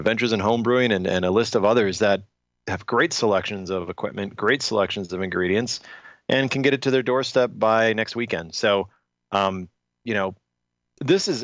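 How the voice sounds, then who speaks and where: Low-voiced man, dull dry podcast sound. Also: dry recording. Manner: measured, many restarts and fillers. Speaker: industry guest. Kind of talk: podcast interview.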